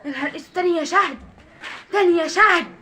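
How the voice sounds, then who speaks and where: A woman's voice: very high-pitched, rapid-fire, bright, forceful tone, slight background noise. A woman with an Egyptian accent teasing and exclaiming during a family challenge. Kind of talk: casual family chat.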